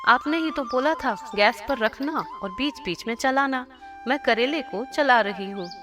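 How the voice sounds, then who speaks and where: An innocent, literal-minded young daughter-in-law, as a woman narrator puts her on for a cartoon storybook. She asks earnest, simple questions, and loud music plays under the voice. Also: high voice, a little slow, pitched above the performer's own voice.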